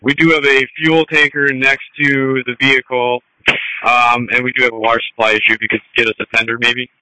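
Crisp, sharp firefighter on radio. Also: male voice, mid-range voice, flat delivery, a little fast, no echo, low-quality recording. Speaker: firefighter on a truck. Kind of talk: urgent firefighter radio report. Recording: close dry two-way radio.

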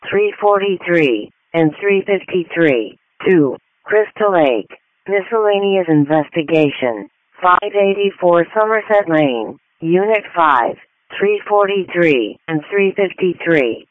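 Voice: medium pitch, no echo. An emergency dispatcher reading out call details and addresses as a formal ambulance radio announcement. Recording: dry, narrow phone-like radio channel.

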